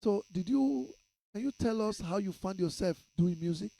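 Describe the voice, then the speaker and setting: A man's voice: sits high, animated, moderate pace, creaky, warm tone, rough recording. A man with a Nigerian accent hosting a radio interview, asking probing questions in a playful way with touches of pidgin. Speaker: radio host.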